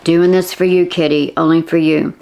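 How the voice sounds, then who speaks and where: A tense young man who keeps his answers short and impatient, played by a woman narrator. The voice is low and gravelly, in a storybook reading. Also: little pitch movement, normal speed, mellow. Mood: curt. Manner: curt, impatient.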